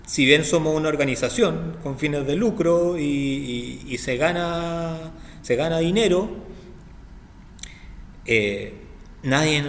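Slow, reflective Chilean man. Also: fairly high pitch, long reverb tail, a little hiss or hum. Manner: hesitant, reflective, with frequent restarts. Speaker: guest. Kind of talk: interview conversation.

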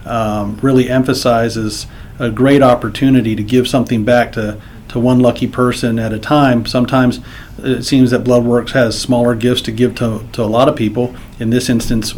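A man's voice: mid-range voice, fairly even intonation, a little fast, a little mellow, a little hiss or hum. A man speaking as an interview guest for a blood center, sincere and dotted with fillers. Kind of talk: interview talk.

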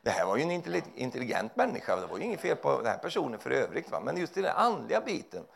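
Gravelly, animated male preacher. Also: mid-range voice. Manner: animated, joking, tags lines with "va?". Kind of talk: sermon.

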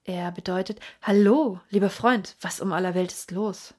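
A woman narrates an audiobook at medium pitch, lightly acting the part of a calm, clever male detective with a husky voice. He speaks in a measured, inquiring way, occasionally hushed.

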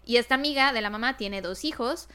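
Casual podcast co-host: young woman, Mexican accent, slightly high voice, slangy Spanish peppered with English. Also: brisk, bright, forceful tone, clear, resonant tone. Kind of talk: casual chat.

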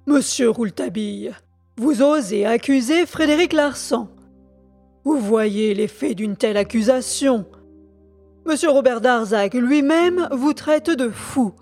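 A woman's voice: fairly high pitch, measured pace, a little mellow, faint music behind. A woman voicing a stern male court president who questions in a formal, insistent way. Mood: questioning.

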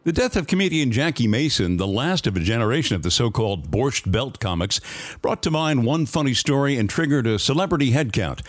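A man's voice: mid-range voice, big pitch swings, fairly quick, dry recording, soft background music. A man in his sixties reading a scripted radio news commentary, telling anecdotes in a dry, wry way. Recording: dry close studio sound.

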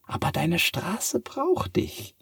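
A man's voice: high voice, very animated, gravelly, a bit bright, slightly rough, no echo, clean studio sound, pitched above the performer's own voice, full character voice. A man voicing a sly, kind talking cat from the moon in a bedtime story, purring and teasing. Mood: gentle. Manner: purring, drawn-out teasing delivery.

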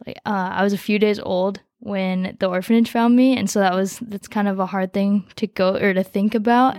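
Teen girl guest, high schooler, flat delivery, easygoing and rambling, dry close mic. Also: dry recording. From United States. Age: teens. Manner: relaxed, rambling with fillers. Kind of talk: casual conversation, personal story.

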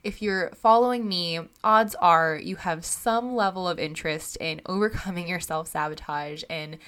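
A young woman hosting a podcast in a casual, rambling chat, her voice still raspy from recovering after losing it, chatty and upbeat with lots of fillers. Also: on the low side, moderate pace, fairly bright tone. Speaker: podcast host.

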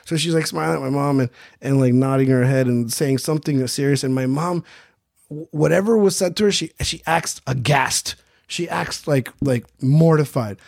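A man's voice: mid-range voice, moderate pace, gravelly, darkish tone, no room sound, clean studio sound. A man from Queens, New York, hosting a podcast and telling a childhood story in a profane, self-mocking comic way. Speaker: podcast host. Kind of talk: comedic storytelling.

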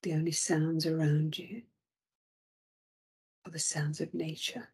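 A woman slowly guiding a relaxation meditation in a soothing voice, often dropping to a whisper. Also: deep voice, flat delivery, a little mellow, slightly rough. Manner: slow, soothing, drifting into whispers.

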